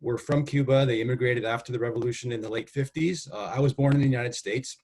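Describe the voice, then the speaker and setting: A man's voice: mid-range voice, fast, a little mellow. Friendly middle-aged man presenting a webinar. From Connecticut, US, of Cuban parents. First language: Spanish. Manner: friendly and conversational, with many fillers and throat clearing. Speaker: test director and guest presenter.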